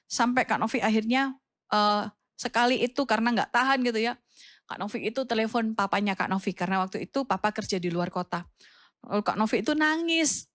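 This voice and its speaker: A young woman with an East Javanese Indonesian accent gives a children's sermon in an animated, storytelling way. Her voice sits high, and she acts out the voices in her story, with plenty of fillers. The recording is close and dry. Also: no echo. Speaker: youth preacher.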